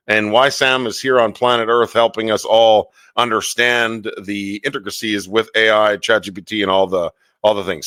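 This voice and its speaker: A man's voice: lowish voice, bright, forceful tone, no echo. Enthusiastic, profane man hosting a podcast. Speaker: podcast host. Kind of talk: casual interview chat.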